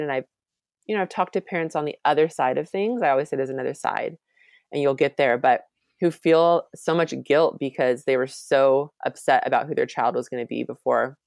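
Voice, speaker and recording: A woman in her thirties talks as an interview guest, her voice sitting very low. She sounds earnest and reassuring, with frequent fillers. The recording is dry and close. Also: vocal fry, a little mellow, no room sound. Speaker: guest, mother of children with Down syndrome. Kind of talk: conversational interview.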